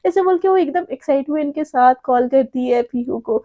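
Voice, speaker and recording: High-voiced woman telling a romance story. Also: moderate pace, dry recording, phone-quality sound. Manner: conversational, chatty, uses filler words. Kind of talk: casual serialized story narration.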